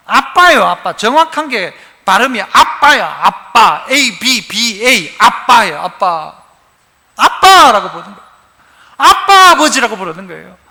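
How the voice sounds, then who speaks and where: Animated high-voiced male pastor preaching. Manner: animated, talks directly to the congregation with questions. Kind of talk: sermon. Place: church sanctuary. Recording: reverberant church hall.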